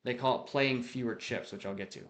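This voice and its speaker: Man, leadership coach, casual direct talk, middle pitch, restarts often, acts out short quotes. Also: brisk. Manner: casual, direct, conversational, with frequent restarts and acted-out example quotes. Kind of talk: unscripted talk to camera on leadership.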